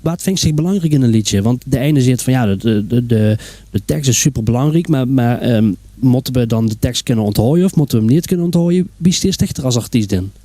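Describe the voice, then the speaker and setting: A man's voice: mid-range voice, lively intonation, a little fast, dark tone, no echo. A man hosting a casual radio interview, chatty and encouraging. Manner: chatty, encouraging, many fillers. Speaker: radio host.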